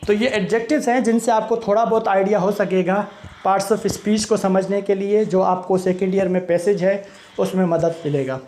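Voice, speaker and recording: A man's voice: sits high, steady tone, moderate pace, a little mellow. A young male English teacher giving a lesson, spelling out word endings one by one and often checking in with the class. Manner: spells out word endings letter by letter, frequent "theek hai" check-ins.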